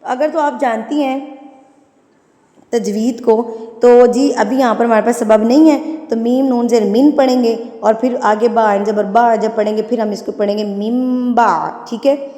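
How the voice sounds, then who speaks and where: Echoey woman teaching tajweed slowly. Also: on the high side, fairly even intonation, dark tone. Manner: patient, explains then spells words slowly syllable by syllable. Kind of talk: tajweed lesson with slow spelled-out recitation.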